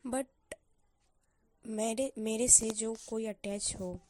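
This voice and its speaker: A woman voicing a young female college student who is lovestruck and quick to take offence, arguing defensively. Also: on the high side, steady tone, warm tone. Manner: defensive, argumentative. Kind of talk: storyteller voicing a character.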